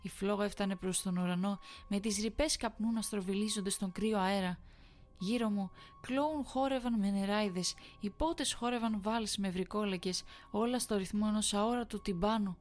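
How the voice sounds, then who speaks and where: A woman narrating a horror story in a measured, tense storytelling manner. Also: mid-range voice, a little mellow, soft background music.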